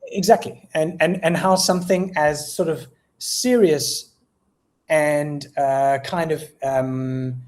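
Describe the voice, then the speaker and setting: A man's voice: fairly high pitch, steady tone, slow, darkish tone. Hesitant South African man, reflective. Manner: reflective, searching for words with many fillers. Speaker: guest poet. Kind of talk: casual interview conversation.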